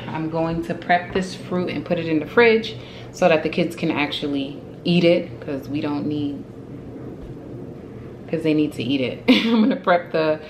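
The recording is low quality with a bit of hiss or hum, carrying a woman's low voice from a handheld phone camera. She's a home vlogger in her thirties in her kitchen, showing groceries, talking about cleaning and venting with small laughs.

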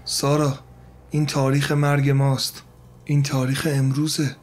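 A man's voice: medium pitch, completely flat delivery, lightly acted. A man voicing a frightened young woman in a spoken horror story, speaking in an urgent, pleading way. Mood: tearful.

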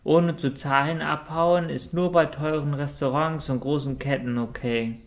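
A man's voice: a little high, fairly even intonation, measured pace. A man voicing a polite, quacking winged island gnome in a storybook reading.

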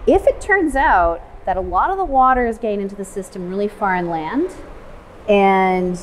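A woman's voice: mid-range voice, expressive, normal speed, slight background noise, low-quality recording. A middle-aged woman, a science team leader, explaining findings in an outdoor interview on a lapel mic. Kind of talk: documentary interview. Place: outdoors in a forest.

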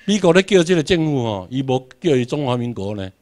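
Lecturing in class with emphasis, this man from Tainan speaks with a Taiwanese accent, his medium-pitched voice quick, very animated, and a little mellow. He asks rhetorical questions only to answer them, repeating important words for drilling.

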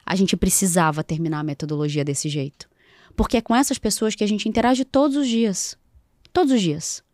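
A woman's voice: mid-range voice, brisk, darkish tone, dry recording, clean studio sound. A woman, a podcast guest talking in an emphatic way and repeating key phrases for weight. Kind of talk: conversational interview talk. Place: podcast studio.

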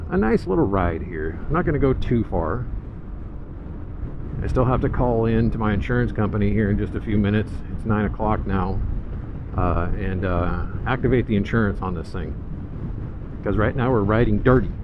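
A man's voice: lowish voice, normal speed. A man giving casual, easygoing riding commentary from inside a helmet as he vlogs on a scooter. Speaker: motorcycle vlogger. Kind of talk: casual first-ride vlog commentary while riding. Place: outdoors, riding a scooter through town streets. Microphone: mic inside a motorcycle helmet. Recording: muffled helmet mic, loud wind and road noise.

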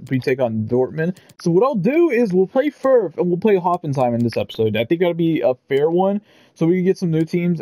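A young man giving casual, chatty commentary over his football video game, bursting into excited shouts at goals. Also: fairly high pitch, no room sound, rough recording. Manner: excitable, shouts goal celebrations, chatty slang. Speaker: gaming YouTuber.

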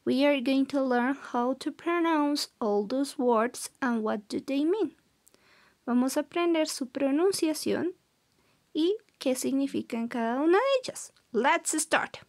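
A young woman teaching an English vocabulary lesson, modelling each word's pronunciation slowly and clearly, switching between English and Spanish. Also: high-pitched, darkish tone. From Colombia. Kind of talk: recorded classroom lesson.

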